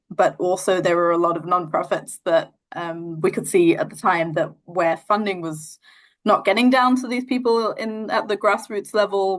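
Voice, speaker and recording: A young woman from New Zealand with a New Zealand accent, founder of a charity, talking casually and thoughtfully in an interview, with many fillers and restarts. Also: lowish voice. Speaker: NGO founder, interview guest.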